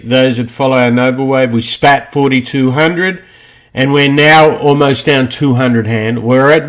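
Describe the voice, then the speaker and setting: A man presenting a loose, rambling walkthrough of market charts, often thinking aloud between points. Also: medium pitch. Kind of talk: screen-share chart walkthrough.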